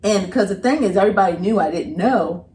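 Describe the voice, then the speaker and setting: A middle-aged woman tells a personal story as a podcast guest, in an animated, colloquial way. Her pitch sits in an average range. She sounds set back from the microphone, with a faint noise underneath. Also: fairly quick. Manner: animated, colloquial, breaks into laughter and high voices when quoting. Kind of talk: casual storytelling. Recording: distant mic with faint background noise.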